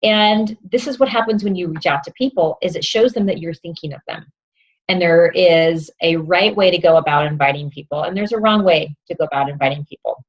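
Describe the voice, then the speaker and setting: Encouraging woman coach, low voice, lo-fi. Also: brisk. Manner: upbeat, encouraging, checks in with "okay?". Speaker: fitness coach. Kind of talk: instructional talk to new coaches.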